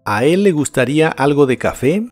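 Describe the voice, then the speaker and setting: A man teaching English to Spanish speakers in a scripted lesson, pronouncing each word slowly and carefully. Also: a little high, animated, a little mellow, faint music behind. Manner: slow, careful model pronunciation of English words.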